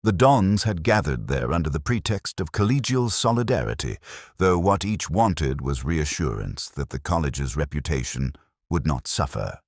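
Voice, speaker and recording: A man playing a pensive, melancholy police inspector, narrating a mystery in measured, deliberate literary phrasing. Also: a bass voice, very animated, no echo, clean studio sound, heavily acted. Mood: brooding, reflective. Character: pensive, melancholy male Oxford police inspector recounting a case. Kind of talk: scripted literary detective narration.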